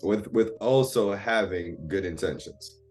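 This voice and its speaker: A Jamaican man in his thirties speaks openly and confidently about himself as a guest client in a relaxed therapy conversation. His voice sits fairly low, with a darkish tone and a slightly slow pace, and soft music plays in the background.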